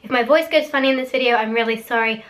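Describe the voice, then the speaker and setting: A teenage girl reviews products in a casual webcam vlog from her small bedroom, posters on the wall, the webcam right in front of her face. Her fairly high, fairly bright voice is quick, hoarse and cracking after a cough. She is chatty, candid and a little giggly.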